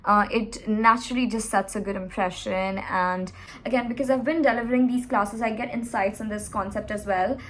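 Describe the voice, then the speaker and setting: A woman coaching communication skills, giving motivational advice in an expressive, animated way, speaking straight to the viewer. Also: medium pitch, normal speed, slight background noise.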